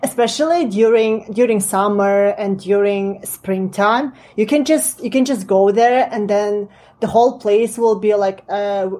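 This guest entrepreneur is a Kazakh woman in her late twenties whose first language is Russian, and her accent shows it. She talks in an unhurried, medium-pitched, dark voice. The podcast interview is casual and friendly, full of fillers and false starts.

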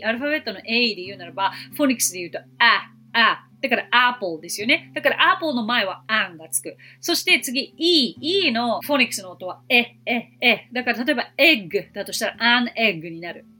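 Lively bright-voiced woman teaching English. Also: on the high side. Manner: lively explaining, slowing down on examples. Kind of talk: podcast lesson.

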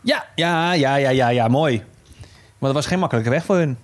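A man's voice: mid-range voice, moderate pace, slight background noise. A man, a podcast co-host, chatting casually and teasing his friends. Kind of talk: casual chat.

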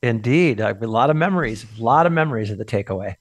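A male film critic speaking at a middle pitch, measured and a bit hesitant with his fillers. The recording is close and dry. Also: expressive, dry recording. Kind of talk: radio movie recommendation.

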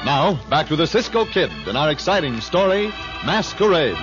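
A man with a lively, rising-and-falling announcer's voice introducing a vintage radio drama in the old radio show manner. The sound is dull and lo-fi, like an old broadcast, with organ music playing clearly behind him. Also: a little high, normal speed. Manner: polished, dramatic announcer delivery.

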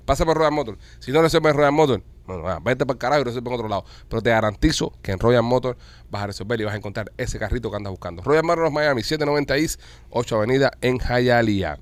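A man's voice: mid-range voice, fast, no room sound. A man, hosting a casual talk show and reading ads in a brash, joking salesman way. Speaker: podcast host. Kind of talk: casual chat with live ad reads.

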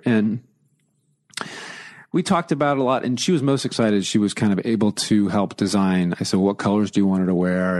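A man in his forties chatting about fatherhood, animated, acting out quotes with big jumps in his voice. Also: lowish voice. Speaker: guest, author and father. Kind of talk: casual podcast conversation.

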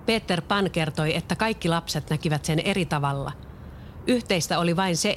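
Calm reader of a children's story. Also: mid-range voice, slight background noise. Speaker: narrator. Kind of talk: scripted children's story narration.

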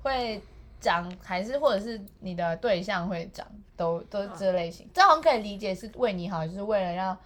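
A woman's voice: medium pitch, expressive, a little fast, fairly bright tone, slight background noise. A woman, co-hosting a casual podcast chat and giggling through childhood stories. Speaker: podcast co-host.

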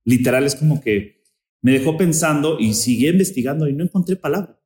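A man's voice: fairly high pitch, a little fast, darkish tone, echoey room. A man appearing as a podcast guest, talking casually about spirituality and often searching for words as he goes.

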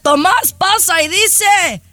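A woman's voice: very high-pitched, takes it slowly, pushed and bright. A Mexican woman hosting a casual radio talk show, chatting and teasing her co-hosts with playful corrections.

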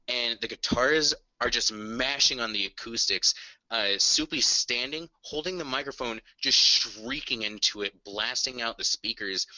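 A man's voice: mid-range voice, bright, forceful tone, no room sound, muffled recording. A man co-hosting a podcast, telling an enthusiastic, earnest story in casual music chat. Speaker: podcast co-host.

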